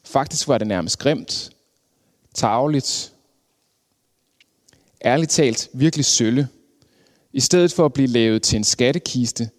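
A man reading a storybook in an expressive way, easing down and slowing for the dramatic beats. His voice sits at a middling pitch. A long hall reverb hangs on every phrase. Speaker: narrator.

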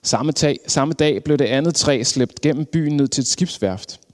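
A man reading a storybook aloud with expressive narration, slowing down for dramatic moments. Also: on the high side. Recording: long hall reverb.

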